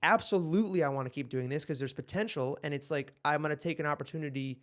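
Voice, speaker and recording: A man in his twenties co-hosts a podcast in Los Angeles, his voice slightly high, quick, and a bit bright. He chats casually and rambles, often restarting his sentences.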